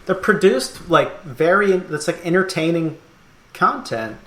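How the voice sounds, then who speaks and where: A man's voice: fairly high pitch, animated, a little slow, fairly bright tone. Thoughtful man in a roomy echo. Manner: rambling, thoughtful, laughs often. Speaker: podcast host. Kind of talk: casual chat.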